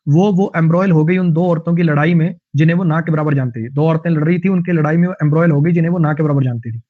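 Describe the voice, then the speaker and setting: A male teacher with a Haryanvi-tinged Hindi accent, giving an online vocabulary lesson in a chatty, jokey way with lively anecdotes. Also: a little high, fast talker, phone-quality sound.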